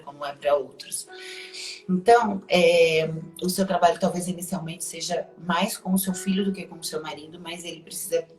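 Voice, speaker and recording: A woman with a Brazilian Portuguese accent, a life coach giving emphatic advice and repeating key points for stress. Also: sits low. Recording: echoey room with faint music behind.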